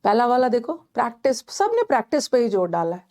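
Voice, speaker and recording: A woman's voice: fairly high pitch, big pitch swings, brisk, darkish tone. A young woman teaching an English grammar class, chatty and talking straight to her students with many fillers and restarts. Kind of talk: online class lecture.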